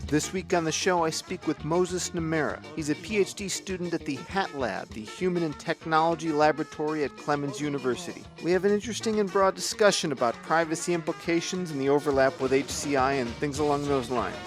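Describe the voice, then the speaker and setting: A man's voice: a little high, a little fast, hardly any pauses, music in the background. An American man hosting a podcast, talking informally and thinking aloud with asides. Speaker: podcast host. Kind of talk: conversational podcast interview.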